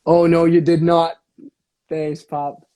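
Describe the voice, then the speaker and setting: Actor, mellow dark tone, playful rambling live-stream banter. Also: male voice, on the high side, flat delivery, slow. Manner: playful, rambling, often laughing. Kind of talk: casual joking chat.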